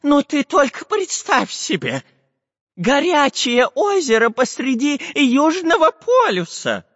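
A shrill, excited old professor. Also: male voice, measured pace, no room sound, highs cut off, exaggerated voice. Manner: shrill, breathless, shouting excitedly. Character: excitable elderly male professor geographer.

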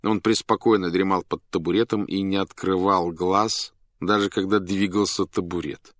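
A man reading a story aloud as narrator, in an animated, dramatic manner that speeds up and slows down. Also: low-pitched, no echo, studio quality.

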